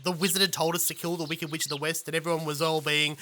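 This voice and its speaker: A woman's voice: deep voice, level tone, fast, bright, forceful tone, slight background noise. A woman playing a clever, teasing scarecrow companion, hesitant then bluntly frank, in a fantasy audio drama. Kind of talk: full-cast fantasy audio drama acting.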